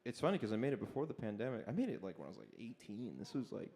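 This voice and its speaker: Young male musician guest, twenties, relaxed and halting, low and gravelly. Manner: laid-back, laughing, halting with fillers. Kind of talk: casual interview chat. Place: livestream studio session.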